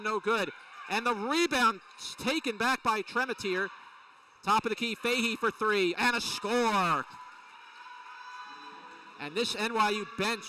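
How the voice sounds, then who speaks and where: Excited high-voiced play-by-play man. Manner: rapid, excited calls of each play. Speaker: play-by-play announcer. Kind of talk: live basketball play-by-play. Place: college gym. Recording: distant mic with faint gym noise.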